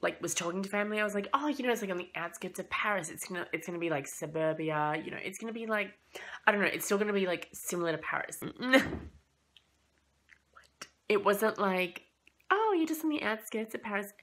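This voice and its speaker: A young woman with a slight cold, casually telling a travel story for her vlog in an animated, chatty way full of "like" and quoted thoughts. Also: on the low side, brisk. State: has a cold, coughing. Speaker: vlogger.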